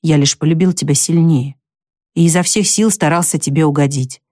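A woman's voice: low-pitched, fairly even intonation, a little fast, darkish tone, no echo, clean studio sound, close to an everyday voice. A woman reading aloud voices a hot-tempered, lovesick young man, earnest and choked.

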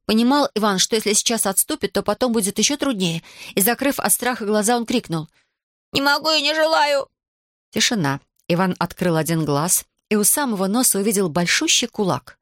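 Female audiobook narrator for a kids' story, expressive, dry close studio sound. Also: mid-range voice, brisk, no room sound. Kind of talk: scripted narration of a children's book.

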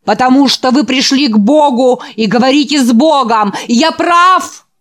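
A woman reading an audiobook voices a frenzied male evangelist preacher, raised and loud, driving a call-and-response sermon. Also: sits high, measured pace, voice pushed up. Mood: ecstatic. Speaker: preacher at a youth revival.

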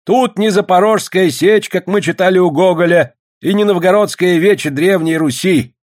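A man's voice: high voice, moderate pace, a little mellow, voice pushed up, natural voice. A man reading an audiobook, voicing an earnest elderly man who urges everyone to agree. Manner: persuasive, speechmaking. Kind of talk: audiobook character voice.

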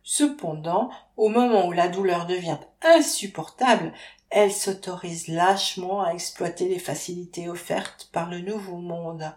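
A woman's voice: fairly low pitch, measured pace, darkish tone. Wry woman reading an audiobook. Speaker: audiobook narrator. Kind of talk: scripted audiobook narration. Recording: roomy echo.

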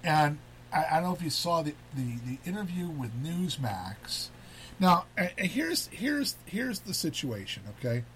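A man's voice: on the high side, measured pace, a little hiss or hum. Rambling talk show host man. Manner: rambling, repeats words, animated. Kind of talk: casual talk show chat.

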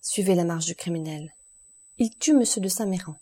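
Relentless male doctor voiced by a woman, measured, accusing, mellow, husky. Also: lowish voice, lightly acted. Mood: stern.

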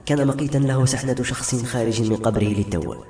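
A man narrating a fantasy novel as an audiobook in a steady storytelling manner. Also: medium pitch, fast talker. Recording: roomy echo with soft music.

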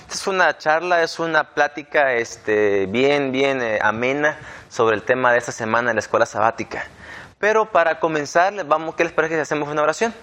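A young man hosts a relaxed panel chat. His voice sits a bit high for a man. He speaks earnestly and at a measured pace, repeating key points to drive them home. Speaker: host. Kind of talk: relaxed panel discussion hosting.

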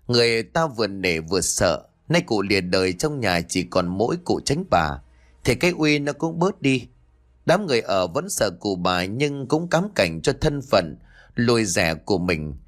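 A man narrating a ghost story dramatically. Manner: dramatic, with lively pitch swings.

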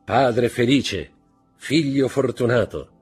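A man's voice: medium pitch, animated, slow pace, slightly rough, soft background music, voice pushed up. A man voicing a suave, worldly count, polished and courteous.

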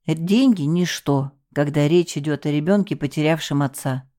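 A woman's voice: low voice, normal speed, dark tone, lightly acted. A woman voicing a fussing, motherly cook who coos and coaxes a grieving girl. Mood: coaxing. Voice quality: cooing, doting.

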